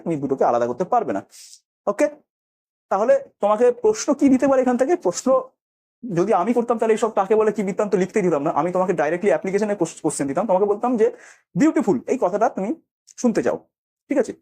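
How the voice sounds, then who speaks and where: A male physics teacher explains at a rapid clip, with a dark, mellow tone. He keeps asking his students whether they follow, and he calls out words twice to act out an echo. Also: sits high. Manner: explains with repeated check questions, acts out echoes. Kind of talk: classroom lesson.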